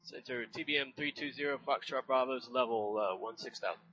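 A man speaks as a pilot on the radio, reading back instructions in terse aviation phraseology. His voice sits at an average pitch. The sound is dull and lo-fi, like an aircraft radio channel. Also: fairly quick, bright, forceful tone, slight background noise.

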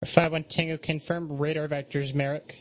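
Male air traffic controller, slightly high voice, flat procedural delivery. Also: normal speed.

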